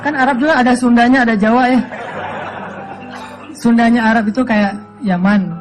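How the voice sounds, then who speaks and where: A middle-aged male Islamic preacher from Aceh, giving a relaxed, humorous sermon that jokes and acts out voices in his stories. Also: very high-pitched, normal speed, soft background music, some chatter behind. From Aceh, Indonesia. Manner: joking storytelling, often laughing.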